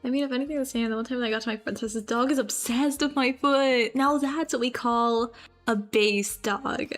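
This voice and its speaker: A woman's voice: a little high, moderate pace, faint music behind. A woman streaming a casual chat with viewers, playful and giggly, often slipping into silly voices. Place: grandmother's house.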